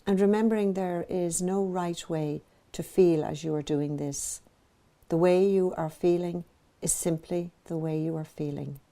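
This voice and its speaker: A woman teacher guides a meditation in a soft, very mellow voice pitched slightly low for a woman. Her delivery is gentle, evenly measured, and steady in tone, with soothing pauses between phrases.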